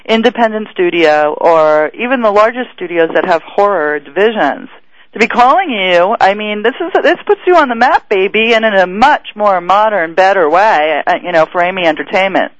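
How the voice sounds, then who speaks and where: High-voiced chatty male radio host. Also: animated, moderate pace, fairly bright tone, no echo. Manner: chatty, laughs often, teasing. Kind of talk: casual radio interview. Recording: dull lo-fi radio audio.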